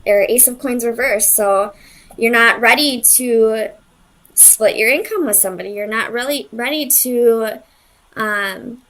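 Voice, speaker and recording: Here a tarot reader, a woman, talks through a casual reading, pausing uncertainly as she reasons aloud and gropes for phrasing. She speaks on the high side, a bit bright, at a measured pace.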